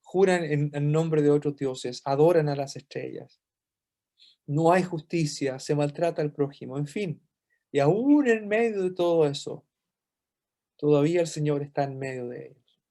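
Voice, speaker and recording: A man's voice: a little high, normal speed, mellow. A man with a Chilean Spanish accent teaching a Bible study, explaining step by step and repeating phrases for emphasis.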